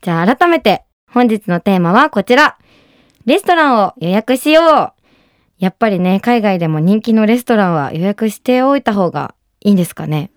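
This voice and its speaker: A woman's voice: mid-range voice, sing-song, moderate pace, no room sound, studio quality. A woman hosting a radio language program, chatting casually with many fillers and eager reactions. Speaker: radio show host.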